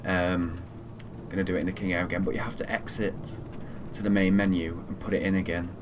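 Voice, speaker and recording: Streaming a flight simulator, this man from Fiji offers casual, low-key commentary at a brisk clip, his pitch barely moving as he mutters through each procedure. The background is noisy.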